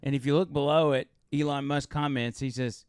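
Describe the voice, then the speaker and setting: A man's voice: mid-range voice, steady tone, a little fast, a little mellow, clear, resonant tone, no echo. Joking man in dry studio. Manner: joking, laughs often. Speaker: radio show co-host. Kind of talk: casual studio banter. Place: radio studio. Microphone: studio microphone.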